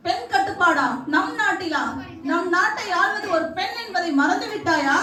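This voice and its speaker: A woman's voice: very high voice, animated, normal speed, sharp tone, recorded from a distance, heavily acted. A woman playing a devoted minister in a Tamil street-theatre play, speaking in respectful, formal tones. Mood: earnest. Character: loyal devoted female minister to the queen. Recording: roomy outdoor stage recording from afar.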